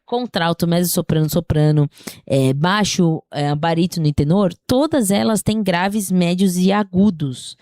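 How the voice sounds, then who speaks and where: A woman's voice: fairly low pitch, unhurried, warm tone, no echo, clean studio sound. A woman singing teacher with a slightly sore throat, giving a casual spoken lesson, explaining things in a chatty way and often checking in with her listeners.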